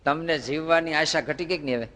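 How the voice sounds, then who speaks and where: This spiritual teacher talks fast in a highish, pushed, bright voice as he gives a devotional sermon. He fires off rhetorical questions and tells folksy anecdotes, all echoing with long hall reverb.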